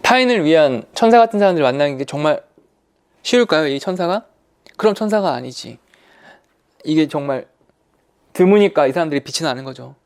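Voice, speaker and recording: A man giving an online lecture on insurance, talking in an animated, colloquial way and repeating key words for emphasis. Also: on the high side, a little fast, long pauses. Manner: animated, acts out salespeople's lines in quotes.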